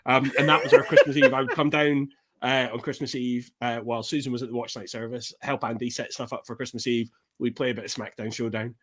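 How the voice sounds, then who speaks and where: Lively cohost, husky bright voice, laughs a lot. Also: medium pitch, fast. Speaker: podcast co-host. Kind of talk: casual chat.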